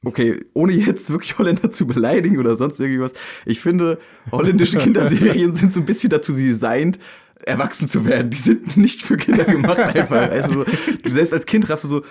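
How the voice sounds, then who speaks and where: A man's voice: on the high side, animated, fairly quick, a little mellow, slightly rough. A man from the Netherlands, a guest on a podcast, chatting casually and joking with frequent laughs. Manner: jokey, laughs often.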